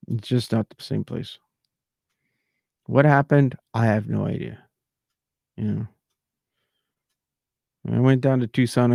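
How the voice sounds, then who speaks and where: A man talks to his livestream viewers in a rambling, heated way, circling back and restarting his sentences. His voice is gravelly and dark, and the sound is dry and close with no room around it. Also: medium pitch, no room sound. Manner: ranting, repetitive, trailing off. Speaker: livestream host.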